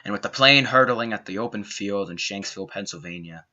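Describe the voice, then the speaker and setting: A young man reading a scripted documentary narration in an earnest, dramatic way, with slow emphatic phrasing. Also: fairly low pitch, pushed and bright. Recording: dull lo-fi home mic.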